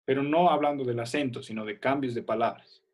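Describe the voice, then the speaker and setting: A man's voice: medium pitch, brisk. Patient male teacher on a video call. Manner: patient, checks understanding with "¿ya?". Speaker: primary school teacher. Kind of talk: online class explanation.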